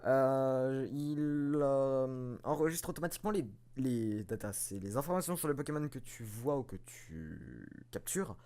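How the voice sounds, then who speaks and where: A man voicing an elderly male professor in a game, reading the lines haltingly with many fillers. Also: medium pitch, expressive, warm tone. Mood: earnest.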